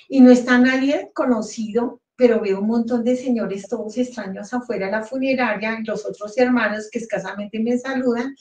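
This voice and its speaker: A woman giving an emotional personal testimony as an interview guest, earnest and halting, repeating words as she goes. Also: a little high, darkish tone. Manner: earnest, halting, repeats words, quotes her own prayers. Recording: echoey room, voice from far off the mic.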